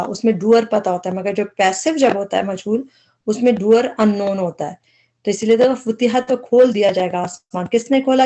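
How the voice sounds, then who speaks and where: A woman teaches a vocabulary lesson in a patient, step-by-step way. Her voice sits at a middle pitch, and she slips English terms into her explanations. She stays calm and methodical throughout. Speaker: Quran word-study teacher.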